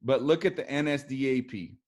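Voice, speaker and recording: A man's voice: mid-range voice, a little fast. Casual male history teacher lecturing. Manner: animated, acts out quotes of historical figures.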